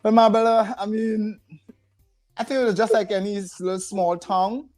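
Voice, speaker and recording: An older Trinidadian man from San Fernando in south Trinidad, a retired rehabilitation director, reminisces as a podcast guest with frequent chuckles. His voice is high-pitched and darkish with little pitch movement, at a moderate pace. Soft music plays in the background.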